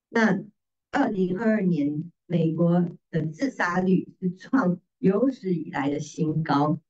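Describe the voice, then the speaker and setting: A middle-aged woman, a preacher and pastor's wife, delivers a teaching sermon in Mandarin with slides, repeating phrases and asking rhetorical questions. Her voice is mid-range and dark, picked up by a distant mic that makes the sound slightly muffled.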